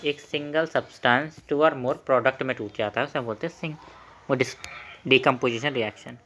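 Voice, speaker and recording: A man's voice: medium pitch, unhurried, fairly bright tone, slight background noise. A young man teaching a chemistry lesson while he writes, asking the class questions and repeating key terms.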